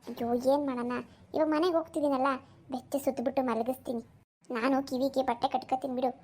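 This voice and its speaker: A woman's voice: high-pitched, steady tone, quick pace, darkish tone. A woman voicing a meek young new mother.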